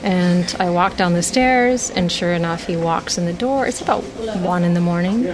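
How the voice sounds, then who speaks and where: A woman's voice: lowish voice, moderate pace, a crowd in the background. Earnest woman telling a personal story. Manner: earnest, animated, acts out quoted dialogue. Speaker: storyteller guest. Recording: noisy background.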